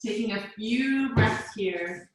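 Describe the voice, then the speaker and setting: This fitness instructor, a Canadian woman, talks slowly at a medium pitch while cueing a mom and baby workout over video call. She's chatty and encouraging, working from a home workout space that echoes heavily.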